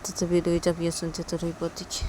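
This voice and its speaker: A woman telling a homemade romance story in a quiet, plain and repetitive way. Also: lowish voice, monotone, brisk, slight background noise. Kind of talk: casual spoken story narration.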